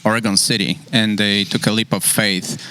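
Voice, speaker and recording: A man's voice: fairly low pitch, fairly even intonation, moderate pace, sharp tone, clear, resonant tone. A man from Poland with a Polish accent, a brewery co-founder giving short, agreeable interview answers. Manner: brief, agreeable replies.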